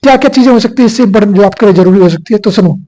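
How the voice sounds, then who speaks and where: A man's voice: high voice, racing, warm tone, poor audio. A male teacher giving an exam coaching lecture, asking questions and answering them himself. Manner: repetitive call-and-response questioning.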